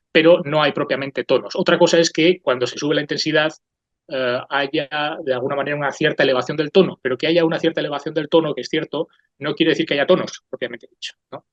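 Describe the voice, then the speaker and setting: Guy lecturing off the cuff, mid pitch, wanders a bit and keeps asking right?, kinda muffled dry recording. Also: fairly bright tone, no room sound. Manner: thoughtful and digressive, often checking in with a questioning tag. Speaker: host of a cultural talk program. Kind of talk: unscripted explanatory lecture. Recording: slightly dull, dry lo-fi recording.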